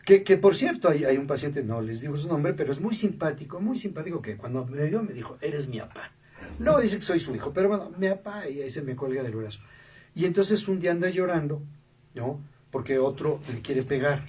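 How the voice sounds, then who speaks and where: A man's voice: on the high side, a little fast. A man, a radio show guest telling stories and acting out the voices of people he quotes. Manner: animated, acts out quoted voices, tags remarks with "¿no?". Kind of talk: storytelling interview talk. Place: radio studio. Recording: distant mic, faint background noise.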